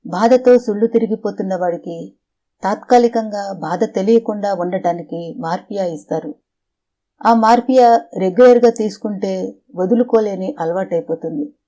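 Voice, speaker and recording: A woman voicing a lonely, confined father who pours his heart out in rambling bursts. His mellow tone rises and falls with the emotion of the moment, as in a storybook read aloud. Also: medium pitch, normal speed, muffled recording, lightly acted. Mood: lonely pleading. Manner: rambling, emotional, in fits and starts. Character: lonely, talkative middle-aged father confined upstairs. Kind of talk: audiobook character reading.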